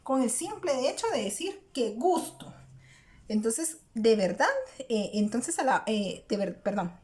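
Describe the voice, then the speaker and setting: A woman's voice: on the high side, lively intonation, unhurried, a little mellow. A woman teacher patiently explaining a grammar lesson, often checking in with the listener. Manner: patient, repeats "¿verdad?" to check understanding.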